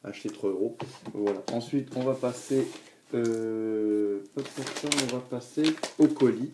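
Rambling teenage guy with a mellow voice. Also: mid-range voice, a little slow, a little hiss or hum. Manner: aggrieved, rambling, many restarts and fillers. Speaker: vlogger. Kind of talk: casual rambling vlog.

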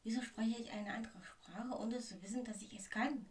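A woman reading aloud and voicing an earnest, unsure young boy wizard in a soft, hushed voice. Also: fairly high pitch, moderate pace, far from the mic, a little hiss or hum, lightly acted. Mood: puzzled.

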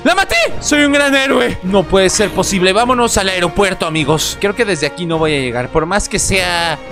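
High-pitched, excitable young Mexican man. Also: moderate pace. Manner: dramatic, panicky, prone to yelling and repeating himself. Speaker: gaming YouTuber. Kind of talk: excitable gameplay commentary. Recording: music under the voice.

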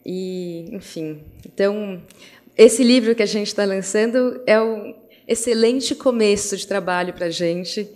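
A middle-aged Brazilian woman giving an opening speech, telling stories about her daughters with lively acted-out voices and many restarts. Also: medium pitch, a little slow. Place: event hall. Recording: long hall reverb.

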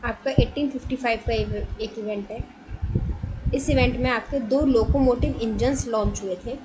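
Speaking at normal speed in a fairly high voice, a woman runs an online coaching class, slipping English words into her explanations while addressing and quizzing her students directly. A clear, steady noise sits beneath the audio.

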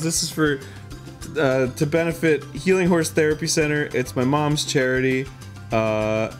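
A man streams a video game and comments on it live, cursing freely and jumping between relaxed chatter and sudden high-pitched shouts. Faint game music plays softly underneath his voice. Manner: excitable, profane, swings into loud high-pitched yelps.

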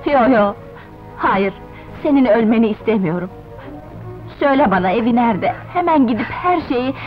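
A woman's voice: fairly high pitch, close to an everyday voice. An actress playing a fiery young woman who defends her wronged sister, dubbed in a 1970s film style and hurling accusations. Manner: accusing, shouting insults. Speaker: film character. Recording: dull old film soundtrack with loud score.

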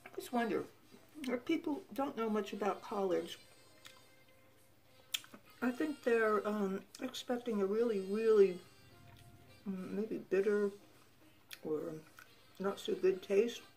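Gravelly-voiced woman, mellow tone, easygoing cooking chat, soft music behind. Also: mid-range voice, slow, pauses often. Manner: relaxed, chatty, tasting food while talking. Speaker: home cooking show host. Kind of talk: casual cooking talk to camera.

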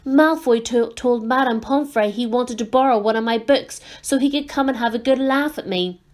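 Fretful storybook schoolboy done by a woman reader, high and strained, louder than her narration, tense and anxious. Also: moderate pace, lightly acted. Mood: worried. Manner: fretful, rising into alarm. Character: anxious injured schoolboy, panicky and complaining.

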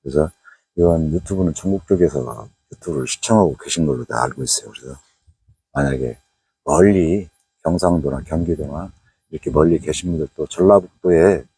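Very deep-voiced man with a Jeolla accent. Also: a little fast, mellow, slightly rough. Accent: Jeolla Korean dialect. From Jeolla province, Korea. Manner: rambling, chatty, frequent "eo" fillers. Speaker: fishing YouTuber. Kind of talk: casual fishing vlog narration. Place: outdoors at a waterway at night.

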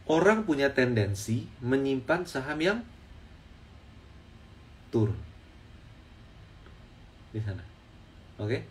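A man's voice: medium pitch, recorded from a distance. A man, a stock trading educator, telling a story in casual explanatory talk and often repeating his phrases for emphasis. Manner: storytelling, repeats phrases, addresses viewers as friends.

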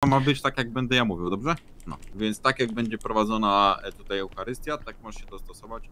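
A man's voice: lowish voice, brisk, bright, forceful tone, slight background noise. A man in a role-play game acting as a pastor, speaking in a bossy, lecturing way. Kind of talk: casual role-play gaming chat.

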